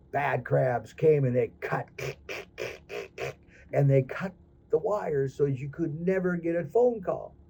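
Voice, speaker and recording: Animated man telling a children's story. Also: fairly high pitch, muffled recording. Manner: stammering, repeats words, addresses children directly.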